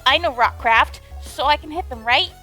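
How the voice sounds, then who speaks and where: High bright kid voice, pushy and stubborn, itching to fight in a game as a woman puts it on. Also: faint music behind. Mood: earnest. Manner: pushy, insistent, quick to blame. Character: eager, stubborn young kid wanting to fight.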